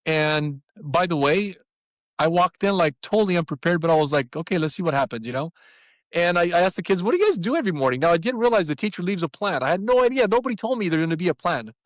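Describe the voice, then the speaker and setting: Brief: fifties male podcast guest, lively storyteller, slightly high voice, dry close sound. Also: quick pace, dry recording, low-quality recording. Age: 50s. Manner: animated storyteller, voices the people he quotes. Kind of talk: personal storytelling.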